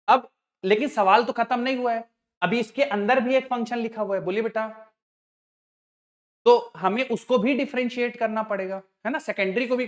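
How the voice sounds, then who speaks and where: Patient classroom maths teacher, a man. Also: high voice. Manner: patient, addresses students as children, asks frequent check questions.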